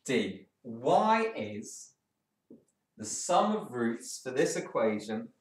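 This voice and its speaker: A man's voice: mid-range voice, very animated, takes it slowly, recorded from a distance. A man tutoring through an exam paper in a casual, thinking-aloud way, with frank asides. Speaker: maths tutor. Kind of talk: exam walkthrough lesson. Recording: echoey room, voice off-mic.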